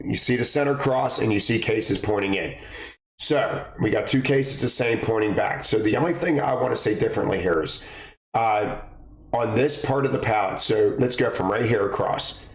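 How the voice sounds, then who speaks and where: A man hosting a casual how-to vlog about warehouse order picking, his voice a bit raspy this morning, chatty and addressing viewers as guys. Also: on the low side. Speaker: warehouse order-picking instructor and channel host. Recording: roomy echo.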